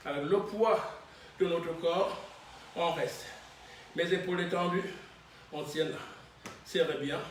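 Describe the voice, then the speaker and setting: A man leading a Pilates class, counting reps and giving calm encouraging cues. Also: a little high, distant mic, slight background noise. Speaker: Pilates instructor. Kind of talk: guiding a fitness class. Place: fitness studio, indoors. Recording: very echoey gym room from afar.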